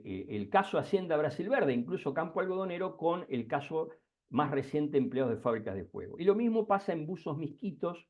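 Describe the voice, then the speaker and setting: A man giving an academic lecture, with an Argentine Spanish accent, pausing often with fillers and restarts. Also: fairly high pitch, a little mellow. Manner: hesitant, many fillers and restarts. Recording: dull lo-fi sound.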